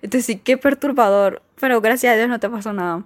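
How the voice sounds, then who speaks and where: A woman's voice: fairly high pitch, brisk. Young woman, chatty vlogger reacting to stories, lots of fillers. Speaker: vlogger reading viewer stories. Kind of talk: casual chat.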